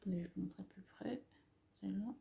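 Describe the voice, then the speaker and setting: Showing off craft supplies one by one, a native French-speaking woman chats casually and corrects herself as she goes. She has a medium-pitched, gravelly, mellow voice and a moderate pace, recorded in an echoey room with faint noise.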